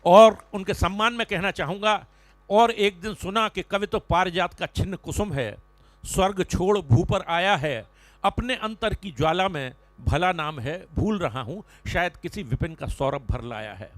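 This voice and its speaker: A slightly high male voice, dry and close to the mic, introducing a poet in formal, declamatory tones. He moves easily from praise into recited verse. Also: lively intonation, measured pace, fairly bright tone, dry recording. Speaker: emcee of a poetry gathering.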